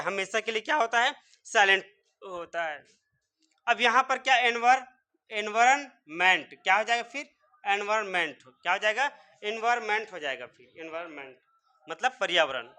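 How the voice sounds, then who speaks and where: A male teacher with a bright, sharp-edged voice walks through words one sound at a time. He keeps asking the class a question and then answering it himself, in a steady classroom rhythm. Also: sits high. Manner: repeats rhetorical questions and answers them himself. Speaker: English teacher. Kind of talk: classroom-style spelling and pronunciation lesson.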